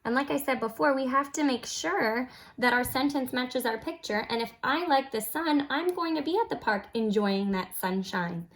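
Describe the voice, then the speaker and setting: A woman's voice: high voice, lively intonation, normal speed, hardly any pauses. A woman teaching an early reading lesson, explaining patiently step by step in simple phrases and modelling examples for young learners. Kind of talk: instructional demonstration of a kindergarten reading lesson.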